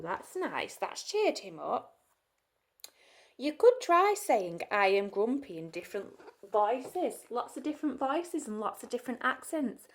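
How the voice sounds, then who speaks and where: A woman, leading a gentle storytime lesson for young children, coaxing and asking them questions, sometimes dropping to a soft whisper. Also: fairly high pitch. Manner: sing-song, coaxing, asks children questions; drops to soft whispers at times.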